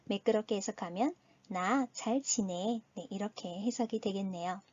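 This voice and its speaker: A woman's voice: mid-range voice, darkish tone, highs cut off, slight background noise. Patient woman teaching Chinese. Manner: patient explaining, models pronunciation slowly. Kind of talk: recorded online lesson.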